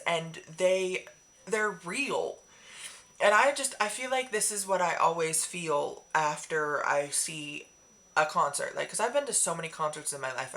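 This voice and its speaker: A woman vlogger chatting casually in a rambling, excitable way with many fillers. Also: on the low side. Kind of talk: casual chat.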